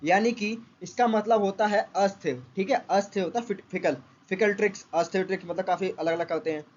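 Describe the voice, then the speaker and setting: A man teaching English vocabulary and idioms to exam aspirants, explaining slowly with many fillers and repeated checks. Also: sits high, darkish tone. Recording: dull lo-fi recording.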